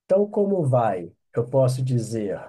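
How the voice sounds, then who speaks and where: A man's voice: medium pitch, sing-song, moderate pace, dark tone, slightly rough. A Brazilian man with a Brazilian Portuguese accent teaching an online French lesson, patiently drilling phrases and checking with "ok?".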